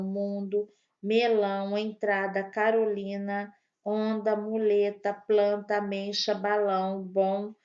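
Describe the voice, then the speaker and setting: A woman teaching an online grammar lesson to young children, slow and patient, spelling out each word. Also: medium pitch, lo-fi sound. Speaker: primary school teacher.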